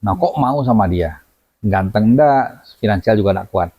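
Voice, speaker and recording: A man telling a story as a guest in a lively way, acting out the voices of the people in it. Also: on the low side, moderate pace, breathy edge. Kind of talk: animated storytelling. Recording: dull lo-fi audio.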